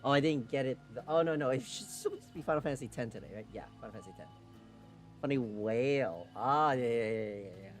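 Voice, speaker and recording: A man hosting a live stream, chatting casually and excitably as he plays a game, now and then swearing. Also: mid-range voice, quick pace, faint music behind. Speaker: streamer and host.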